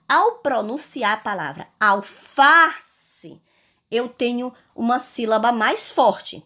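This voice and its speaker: A woman's voice: a little high, fairly bright tone. A woman teacher with a Brazilian Portuguese accent, giving a recorded lesson to children at home and stretching out the stressed words in a sing-song way. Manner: sing-song, drawn-out stressed words, calls pupils "my loves".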